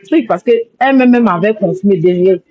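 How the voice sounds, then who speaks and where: A woman's voice: mid-range voice, brisk. A woman speaking on a live stream, rambling and repeating herself as she apologizes with emotion. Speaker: social media livestreamer. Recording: dull lo-fi phone audio.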